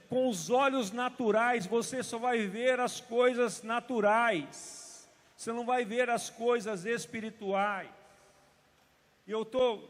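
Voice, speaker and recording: A man preaching at a church service, telling a personal story emphatically and dropping to hushed tones for drama. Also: extremely high pitch. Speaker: pastor. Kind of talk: sermon. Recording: reverberant church hall.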